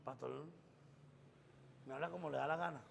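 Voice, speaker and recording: A man's voice: mid-range voice, steady tone, moderate pace, creaky, long reverb tail, a little hiss or hum. A man preaching a sermon as pastor, building up through emphatic repeated phrases. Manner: preaching with rising, emphatic repetition.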